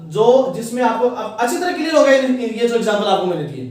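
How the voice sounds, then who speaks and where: A man's voice: extremely high pitch, big pitch swings, quick pace. A man teaching an exam-prep grammar lesson, who keeps asking questions and then answering them himself. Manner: quizzes listeners and answers himself. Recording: echoey room, mic at a distance.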